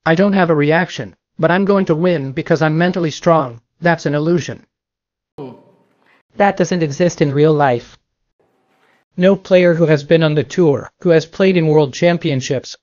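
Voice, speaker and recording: A man's voice: fairly high pitch, darkish tone, no room sound, dull audio. Emphatic older male bowling coach lecturing. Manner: emphatic, repeats points, asks and answers his own questions. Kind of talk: classroom lecture. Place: classroom with a projector screen.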